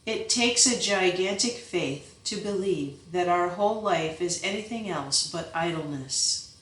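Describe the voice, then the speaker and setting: A woman's voice: fairly low pitch, expressive, a little slow, a bit bright, distant mic. Robert, a brooding young prior, read by a woman. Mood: disdainful. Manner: intense, brooding. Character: earnest, frustrated young male monk prior. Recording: roomy, voice set back from the mic.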